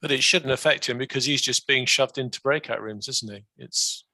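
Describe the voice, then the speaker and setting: A man in an online meeting, direct and matter-of-fact, giving quick instructions. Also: mid-range voice, sharp tone, dry recording. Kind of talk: casual chat.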